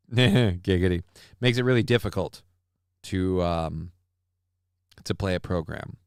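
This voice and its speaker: On a casual home live stream, a man speaks slowly into a desk mic in a low, clear, resonant voice, with clean studio-quality sound and no echo. He jokes crudely and reads viewer comments aloud in a mock-grand war-speech style.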